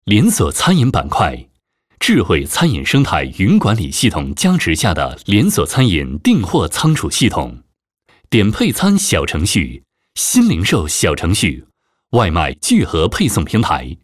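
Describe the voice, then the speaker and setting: A man reading a scripted corporate promotional voice-over in a formal, steady announcer manner. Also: sits low, unhurried, dry recording, studio quality. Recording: voice-over with background music.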